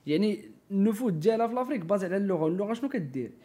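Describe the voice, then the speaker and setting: A man's voice: high voice, animated, racing, mellow. A man with a Moroccan Arabic accent in casual podcast conversation, opinionated and emphatic, mixing in French and English words and often checking that his listener follows.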